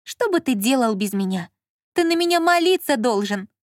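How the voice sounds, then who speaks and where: Бойкая насмешливая молодая женщина, которую озвучивает чтица звонко и напористо отчитывает собеседника, голос заметно выше и громче обычного. Запись сухая, без эха. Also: female voice, on the high side, animated, moderate pace, dry recording, clean studio sound, pitched above the performer's own voice, lightly acted. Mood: bossy. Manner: mocking, emphatic. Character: bossy sharp-tongued young woman, fussing.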